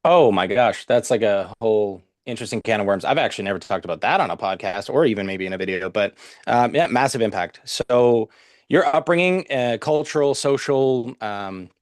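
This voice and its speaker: His voice is lowish with lively intonation and a moderate pace, captured at studio quality without echo. A Canadian nutrition professional, he's a podcast guest in a casual interview, rambling along and frequently using fillers and restarting his sentences.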